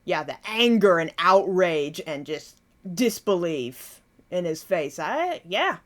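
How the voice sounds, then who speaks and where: A woman's voice: on the low side, very animated, takes it slowly, a bit bright, a little hiss or hum. A woman hosting a reaction video, talking casually and expressively, with frequent exclamations and swearing.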